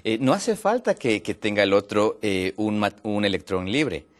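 Speaking in a fairly low, sing-song voice, this Ecuadorian guest on a health show walks through a subject with patience. His explanation is full of pauses and filler words.

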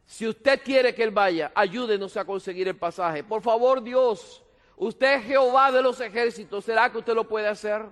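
A man voicing an earnest young churchgoer who prays slowly and simply, in a long-reverb hall. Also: high-pitched, a bit bright. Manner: slow, simple, earnest prayer.

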